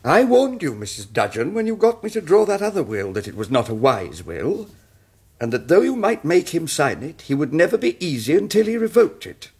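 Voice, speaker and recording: Husky, pedantic country lawyer. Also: male voice, fairly high pitch, very animated, normal speed, darkish tone. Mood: reproving. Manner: formal, pedantic. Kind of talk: theatrical stage-drama acting.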